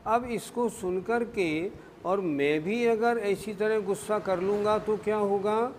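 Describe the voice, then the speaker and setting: Slow and deliberate, a high-voiced male scholar discourses on scripture, repeatedly raising questions and supplying the answers. The sound carries a long hall reverb, with a faint hum in the background.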